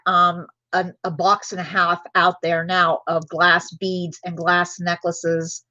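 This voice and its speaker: Slow, chatty woman hosting a live sale. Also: lowish voice, fairly bright tone, no echo, dull audio. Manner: chatty, drifts into personal stories between items. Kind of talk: casual live-stream selling chat.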